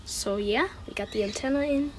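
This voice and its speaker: A high-pitched woman speaking at normal speed hosts a casual unboxing indoors in a room with a wooden floor, repeating short remarks as she handles items. The recording is low quality, with clicks and handling noise.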